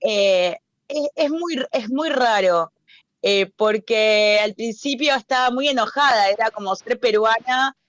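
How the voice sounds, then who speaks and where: Witty poet on the phone. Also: female voice, on the high side, a little slow, no room sound, studio quality. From Peru, raised in Argentina. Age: 40s. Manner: humorous, relaxed. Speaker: poet, interview guest. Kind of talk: casual interview over the phone. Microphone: phone call over a messaging app.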